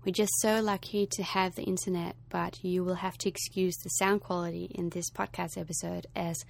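A Danish woman in her thirties with a light Danish accent hosts a podcast, speaking at normal speed in a fairly low, level, gravelly voice. Her podcast intro and casual interview talk are chatty and warm, full of fillers as she tells stories.

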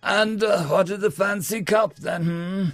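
A man voicing a drunken, eager fantasy dwarf in a story, with a halting, matey delivery. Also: high voice, steady tone, fairly bright tone, no room sound, faint music behind, voice pushed up. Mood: eager, tipsy.

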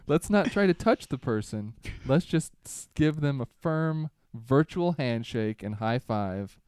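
A man's voice: medium pitch, lively intonation, takes it slowly, a little mellow, clear, resonant tone, no room sound. A man co-hosting a casual comedy podcast, speaking sarcastically and with mock exasperation. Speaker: podcast co-host.

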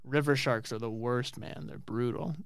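Laughing, teasing American quiz host from Colorado, smooth, dry close sound. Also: male voice, mid-range voice, fairly even intonation, moderate pace, no room sound. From Colorado, United States. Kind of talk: casual podcast chat. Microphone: studio microphone.

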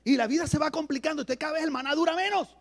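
A male pastor preaching an emphatic sermon to a church, swinging from loud declarations to low asides. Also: racing.

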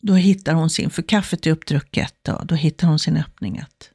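A woman's voice: low-pitched, darkish tone, breathy edge, dry recording, clean studio sound. A woman telling an illustrative story as a self-help speaker, acting out the characters' inner thoughts in quoted asides. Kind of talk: storytelling example talk.

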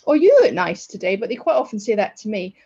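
A woman's voice: mid-range voice, sing-song, quick pace, gravelly, dark tone, breathy edge, lo-fi sound. A woman co-hosting a podcast in a chatty, self-deprecating way, laughing often. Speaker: podcast co-host. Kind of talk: casual podcast chat.

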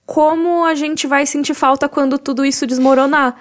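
A woman co-hosting a relaxed podcast, with a fairly high voice. She explains eagerly and at length, peppering her talk with fillers. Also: moderate pace. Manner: enthusiastic, explains at length with many "né" and "tipo". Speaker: podcast co-host. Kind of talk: casual chat about a book.

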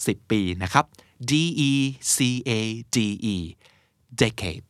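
A man's voice: on the low side, lively intonation, drawn-out words, a bit bright, no room sound, clean studio sound. A young adult man hosting a casual vocabulary lesson, chatting through explanations and spelling words out letter by letter. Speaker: English teacher and host.

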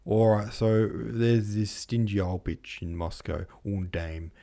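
A man's voice: lowish voice, slow pace, vocal fry, warm tone. A man voicing a crude, rambling young aristocrat, full of slang. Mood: rowdy. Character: Prince Hippolyte, a crude blokey young aristocrat.

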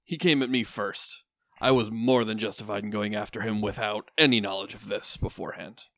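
A man's voice: fairly low pitch, steady tone, fairly quick, creaky, fairly bright tone, dry recording, clean studio sound. A man playing a defiant, self-justifying pirate lord in a tabletop game, firm and formal. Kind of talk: tabletop role-play.

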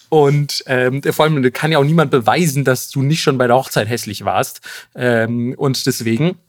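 A man's voice: mid-range voice, husky. A man hosting a podcast, retelling a story in a casual, slangy way, laughing often and acting out the quotes. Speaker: podcast host.

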